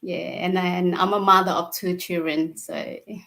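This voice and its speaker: A woman in her forties, born in Vietnam with Vietnamese as her first language, talks as an interview guest, unhurried and simple, with fillers and soft laughs. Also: lowish voice, level tone. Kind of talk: casual interview.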